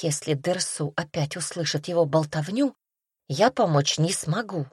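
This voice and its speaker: A woman's voice: sits low, normal speed, darkish tone, slightly rough, dry recording, studio quality. A woman voicing a sulky, lovesick young heroine in an audiobook.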